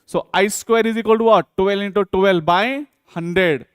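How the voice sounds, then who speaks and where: A man's voice: high voice, a little slow, clean tone, dry recording. A man with an Indian accent teaching physics, working through exam problems step by step and often checking in with students. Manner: repetitive check-in questions to students. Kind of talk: exam problem walkthrough, lecturing.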